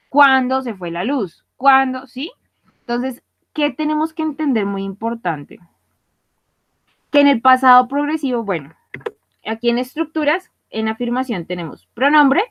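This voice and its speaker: A woman's voice: fairly high pitch, no room sound. A woman teaching English grammar in an online class, speaking patiently and often checking that her students follow. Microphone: computer mic for online class. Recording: muffled lo-fi dry audio.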